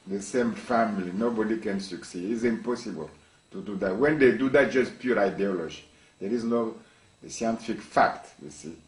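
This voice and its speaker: A man from Congo, a university professor, speaking in an interview with emphatic repetitions and frequent restarts. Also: mid-range voice. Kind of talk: interview monologue. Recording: echoey room, mic at a distance.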